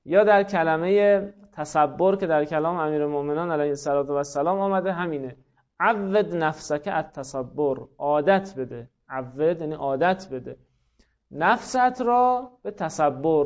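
A man's voice: on the high side, a little mellow. A man teaching a class, explaining step by step, often repeating himself and putting questions to his students. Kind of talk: classroom lecture. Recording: dull lo-fi recording.

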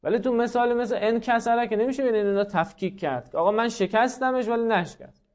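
A man's voice: very high-pitched, a little mellow. A man teaching a class, explaining step by step, often repeating himself and putting questions to his students. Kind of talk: classroom lecture. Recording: dull lo-fi recording.

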